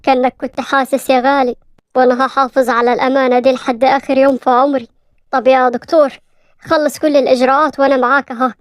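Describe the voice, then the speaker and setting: A woman doing a kindly Egyptian father who comforts a little girl and scolds his son firmly. The voice is high and quick, close and dry, in a cartoon storybook. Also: level tone, no room sound, close to an everyday voice. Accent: Egyptian Arabic. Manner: soothing, affectionate. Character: kind wealthy father, gentle and firm.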